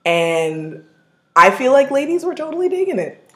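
A woman co-hosting a podcast in casual chat, playful and quick to laugh. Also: sits high, echoey room. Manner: playful, laughs often, animated tangents. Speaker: podcast co-host.

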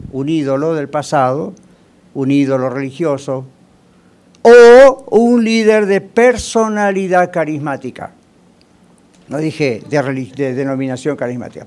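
High-voiced male pastor preaching. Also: a little mellow. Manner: conversational, asks the congregation rhetorical questions. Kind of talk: sermon.

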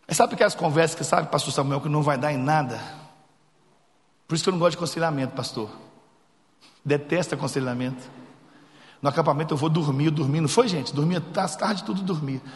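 A male pastor preaches with comic timing, acting out the voices in his story. His voice sits high and his speech races along. The sound rings with the long reverb of a church sanctuary. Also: fast, long pauses. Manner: jokey, animated, acts out dialogue. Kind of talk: humorous sermon storytelling.

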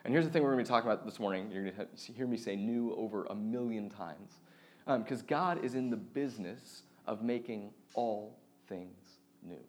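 A man's voice: on the low side, moderate pace, a little mellow. Chatty, self-deprecating young male pastor. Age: 30s. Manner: chatty, self-deprecating, many fillers and restarts. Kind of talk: casual conversational sermon.

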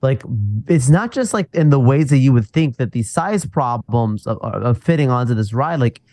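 A man's voice: mid-range voice, animated, moderate pace, mellow, no echo. A man hosting a casual podcast chat, rambling through a story with lots of fillers. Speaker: podcast host.

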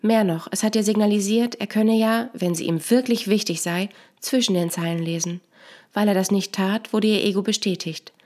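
Woman narrating a calm, explanatory story. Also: medium pitch, moderate pace. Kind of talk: scripted narration.

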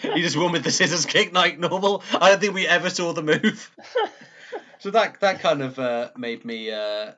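A man's voice: on the high side, lively intonation, moderate pace, sharp tone. A man hosting a casual podcast chat with a dry, wry humor and frequent ums. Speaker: podcast host. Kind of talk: casual chat reviewing a fight. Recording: dull lo-fi podcast audio.

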